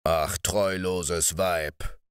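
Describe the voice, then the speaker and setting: A man's voice: lowish voice, expressive, takes it slowly, a bit bright, no echo, clean studio sound. A man growling as a huge, menacing ogre giant. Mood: angry. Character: huge, gruff, man-eating male giant.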